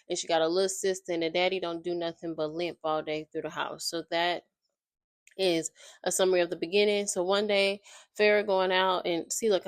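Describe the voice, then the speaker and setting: A young woman with a fairly low, slightly nasal and congested voice summarizes a book casually while playing a game for her YouTube channel. She rambles and often searches for words. The recording is dry and clean, studio-grade.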